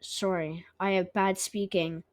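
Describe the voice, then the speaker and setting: A woman's voice: lowish voice, steady tone, measured pace. A woman hosting her own gaming channel, chatting to viewers as she plays and asking them to subscribe. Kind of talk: casual let's-play commentary. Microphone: own microphone.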